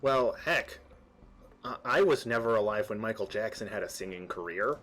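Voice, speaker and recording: A man's voice: fairly low pitch, animated, moderate pace, fairly bright tone, a little hiss or hum. A man chatting casually while streaming a game, rambling through trivia and explanations with frequent restarts. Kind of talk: casual gameplay chat.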